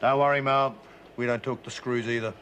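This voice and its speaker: A man's voice: mid-range voice, fairly quick, a little hiss or hum, close to an everyday voice. An actor playing a cocky, easygoing Australian man who is new to the prison. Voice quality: relaxed, laid-back, slangy. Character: cocky easygoing male newcomer, friendly charmer. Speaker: prison newcomer. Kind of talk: TV drama acting.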